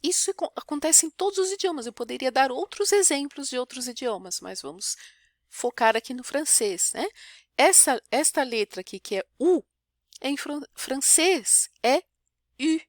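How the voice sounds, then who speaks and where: A woman with a São Paulo Brazilian accent gives an online French pronunciation lesson in a high, bright voice. She explains patiently, keeps asking "né?" and slows down to model each sound. The recording is close and dry, with no room echo. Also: expressive. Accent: São Paulo Brazilian Portuguese. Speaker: French teacher.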